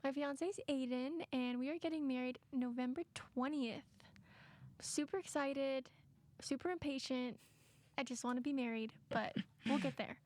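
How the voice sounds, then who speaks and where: An upbeat woman in her twenties chats on a podcast, chiming in with short quick remarks. Her voice sits high in pitch. She keeps it light and casual. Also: fairly even intonation, a little mellow. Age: 20s. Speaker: podcast co-host. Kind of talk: casual chat.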